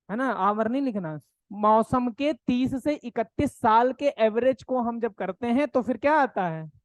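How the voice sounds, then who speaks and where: Higher-voiced woman teacher, constant check-ins. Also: dry recording. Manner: asks rhetorical questions and ends phrases with "है ना?" and "ठीक है?"; plain conversational teaching, mixing English terms into Hindi. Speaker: agriculture exam coaching teacher. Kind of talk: classroom lecture.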